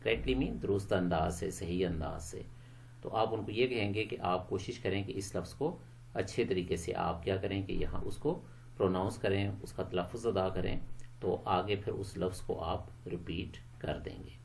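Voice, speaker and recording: A low, gravelly male voice gives a bilingual English lesson for Quran teachers. He explains quickly, then says each model phrase slowly and clearly. Faint noise sits behind him.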